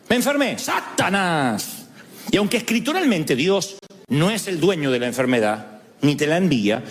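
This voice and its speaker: A man, a pastor preaching a sermon at a church service, telling jokes and stories in an animated way. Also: high voice. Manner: animated, joking storytelling. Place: church service before a congregation. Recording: long reverb in a large hall.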